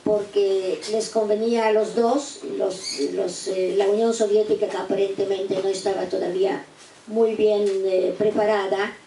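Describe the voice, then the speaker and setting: A woman in her eighties from eastern Poland, giving her testimony to students slowly and deliberately, often restarting her words. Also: mid-range voice, steady tone, mellow. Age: 80s. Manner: slow, deliberate, with repeated restarts. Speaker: guest speaker giving survivor testimony. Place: university auditorium. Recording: echoey room, distant mic, faint noise.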